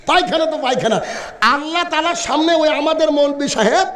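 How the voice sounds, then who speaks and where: A man's voice: very high-pitched, a little fast, fairly bright tone. A male Islamic preacher giving a didactic sermon in short, separated staccato phrases, repeating himself and asking rhetorical questions. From India. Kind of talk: Bengali waz sermon to an audience. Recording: echoing amplified voice.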